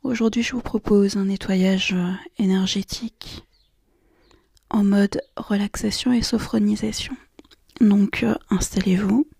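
A woman guiding a relaxation and meditation session in a soft, slow, half-whispered voice. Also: medium pitch, fairly even intonation, gravelly, breathy edge, no room sound, studio quality. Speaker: relaxation guide. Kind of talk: guided meditation.

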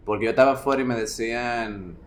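In a casual interview, a Dominican filmmaker reflects on his work in a fairly quick, medium-pitched voice with a Caribbean Spanish accent. He's at home beside a street where motorbikes go by, and that street noise is clear in the background.

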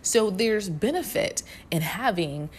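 A woman's voice: expressive, takes it slowly, a little hiss or hum. A woman counselor who works with children, talking casually and with exasperation, her voice jumping up sharply when she mocks what people say. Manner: exasperated, sarcastic, with squeaky mocking jumps when quoting. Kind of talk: casual opinion monologue.

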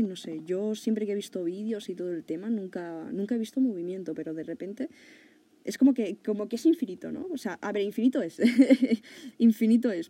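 A woman's voice: medium pitch, warm tone. Chatty woman podcast host. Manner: chatty, laughs often, swears casually. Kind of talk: casual podcast chat.

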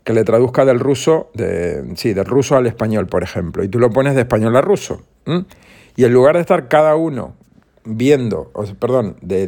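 A man's voice: medium pitch, darkish tone. A man hosting a solo podcast, explaining things in a rambling, casual way with frequent restarts. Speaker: podcast host.

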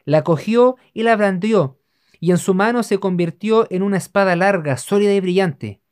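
A narrator giving a steady, measured scripted reading of religious history. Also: medium pitch, clean tone.

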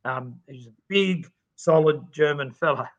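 A man with an Australian accent, a sales expert guest on a podcast, answering in a lively conversational way with filler ums and restarts. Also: fairly high pitch, unhurried, lo-fi sound. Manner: animated storyteller with filler ums.

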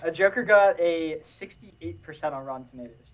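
A young man co-hosting a casual chat, animated and jokey, often tripping over his words. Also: fairly high pitch, moderate pace. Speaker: podcast co-host.

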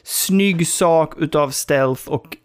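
Man from sweden, podcast co-host, casual gaming chat, slightly high pitch, hesitant restarts. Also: smooth. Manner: thoughtful, hesitant, many restarts.

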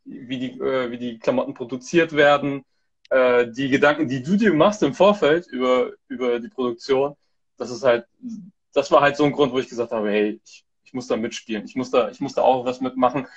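A content manager from Hamburg, Germany, joins a live stream as a guest over a video call, chatting casually. He sounds hesitant, restarting often and using many fillers. His voice is mid-range and husky, a little fast, with the highs cut off.

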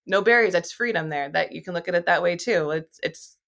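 A woman's voice: on the low side, a little fast, creaky, fairly bright tone. A woman astrologer talking candidly in a casual podcast conversation, rambling with many fillers and restarts. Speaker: astrologer and YouTuber.

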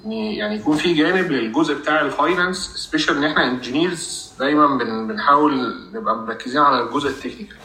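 A middle-aged Egyptian man speaks very quickly in a bright, forceful voice, sounding roomy and away from the mic. He talks casually as a guest, slipping English finance terms into his Arabic. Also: fairly high pitch. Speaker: guest speaker from the audience, an engineer. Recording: roomy, distant mic, faint background noise.

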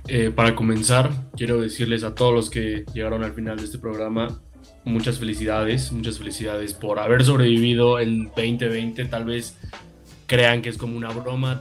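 A man giving a solemn, earnest closing message on a radio show. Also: mid-range voice.

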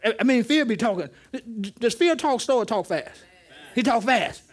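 A man's voice: very high voice, lively intonation, normal speed. A man, a pastor, teaching interactively in a church, stammering and repeating "okay" as he draws answers from the congregation. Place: church sanctuary.

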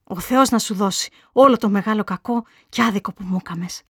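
A woman voicing a grieving mother who curses a sick young woman, speaking loudly and bitterly. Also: fairly low pitch, fairly even intonation, no echo, clean studio sound, natural voice. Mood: bitter cursing. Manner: bitter, cursing, raised voice.

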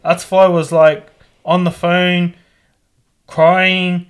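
A man's voice: sits high, little pitch movement, slow, clean tone. A young man telling a story in casual chat, laid-back, rambling, and swearing freely.

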